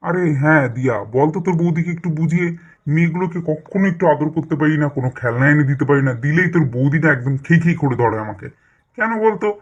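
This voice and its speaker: A man voicing a soft-hearted, doting father in a doll cartoon who pleads and appeases. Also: a little high, quick pace, husky. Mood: pleading. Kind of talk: doll story voice acting. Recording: dull lo-fi recording.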